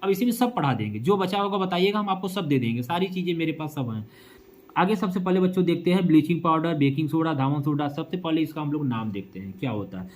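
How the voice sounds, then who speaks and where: A man's voice: a little high, animated, fast talker. A young man teaching an exam revision lesson, who asks questions and then answers them himself, with casual asides and memory tricks.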